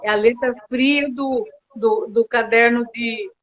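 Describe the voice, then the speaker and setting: A woman's voice: fairly high pitch, steady tone, slow, rough recording. A Brazilian woman mediator answering interview questions earnestly, often restarting with hesitant fillers, on a video call. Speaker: mediator and guest.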